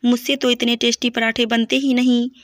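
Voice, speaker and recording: A woman's voice: a little high, little pitch movement, normal speed, no echo, clean studio sound, close to an everyday voice. A woman voicing an eager, earnest young daughter-in-law in a storybook reading.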